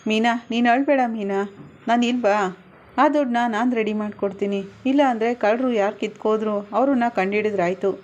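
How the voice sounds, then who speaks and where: A caring young husband pleads gently with his upset wife, as a woman narrator reads him out. The voice sits fairly high and soothing, and the recording sounds dull and lo-fi. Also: a little fast, natural voice. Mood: consoling. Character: anxious young husband, tender and consoling.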